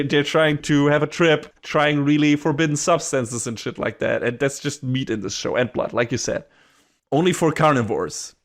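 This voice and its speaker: A man's voice: on the high side, a bit bright. A man co-hosting a podcast, chatting casually in a rambling way, swearing and laughing often. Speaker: podcast co-host.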